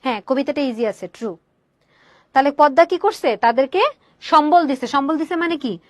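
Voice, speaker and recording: Young female teacher, high-pitched, dry close mic; rhetorical questions, English words sprinkled in. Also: moderate pace, no room sound. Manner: asks questions and answers them herself; mixes English words into her explanation. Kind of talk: online class explaining a poem.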